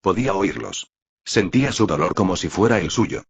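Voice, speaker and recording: A man narrating an audiobook in an even, dramatic storytelling manner. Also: low-pitched, normal speed, husky.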